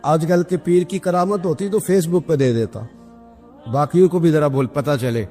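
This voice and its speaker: In an echoey hall with music playing behind him, a man delivers Islamic sermon storytelling. He animates each tale, voicing the quoted speakers with dramatic swings in pitch.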